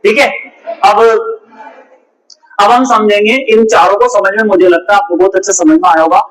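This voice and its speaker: A Hindi teacher gives a classroom-style grammar lesson in a fairly bright, high-sitting voice at a moderate pace, though the audio is poor. He repeats his points and asks his students rhetorical questions.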